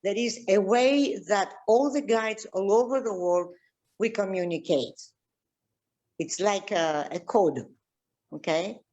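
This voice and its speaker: Slow, halting older woman guide. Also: medium pitch, darkish tone. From Egypt. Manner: slow, halting, many fillers and restarts. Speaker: tour guide and archaeologist. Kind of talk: casual video-call chat.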